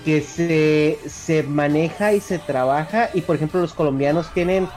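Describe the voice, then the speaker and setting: A man's voice: a little high, normal speed, a little mellow. A man from northern Mexico with a northern Mexican accent, a podcast guest who chats casually and explains his points at length. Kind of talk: casual chat. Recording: faint background music.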